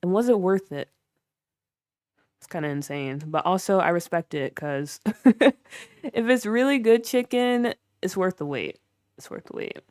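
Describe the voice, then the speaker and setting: A woman's voice: on the low side, lively intonation, a little slow, darkish tone, dry recording, studio quality. A young woman livestreaming, giving a chatty, filler-heavy tour of her game build and chatting with viewers. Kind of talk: casual livestream commentary while building in a game.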